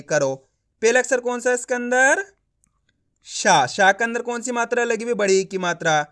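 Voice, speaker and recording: A man leads a slow reading lesson, patiently building words syllable by syllable. He repeats each step and keeps coaxing the listener, asking whether it all makes sense. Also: extremely high pitch, fairly bright tone. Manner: patient, repetitive, sounding out syllables slowly; coaxing, often asking the viewer if they understand. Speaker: Hindi reading teacher. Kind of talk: spoken lesson.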